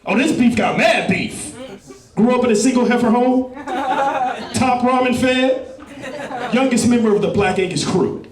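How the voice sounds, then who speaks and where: A man's voice: very high-pitched, normal speed, long pauses, reverberant, far from the mic, crowd noise, pitched above the performer's own voice. A man doing a brash hyped-up street waiter. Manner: boastful, hyped street talk. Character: brash male waiter hyping street beef.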